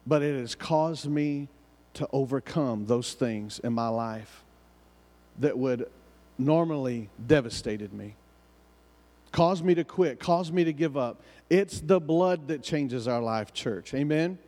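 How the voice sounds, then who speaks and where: A man's voice: mid-range voice, slow pace, darkish tone. A man with a Southern US hillbilly accent preaching a sermon with emphatic repetition and rhetorical questions. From southern United States. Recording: reverberant hall.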